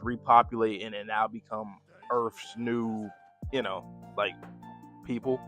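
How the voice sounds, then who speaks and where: A relaxed American man talks through a manga chapter in loose, slangy reaction commentary. He thinks aloud and circles back to correct himself, with faint music underneath. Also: on the low side. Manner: slangy, laid-back, thinks out loud with restarts.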